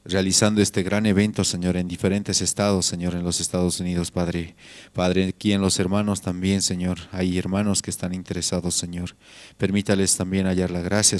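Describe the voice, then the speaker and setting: A man's voice: low-pitched, no echo. A man with a Bolivian Spanish accent leading a spoken prayer, saying "Lord" between every phrase. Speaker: pastor leading prayer service.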